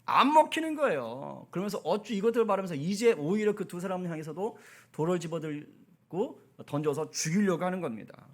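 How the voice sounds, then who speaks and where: High-voiced animated male pastor preaching. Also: brisk. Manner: animated, conversational preaching with asides to the congregation. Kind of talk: sermon.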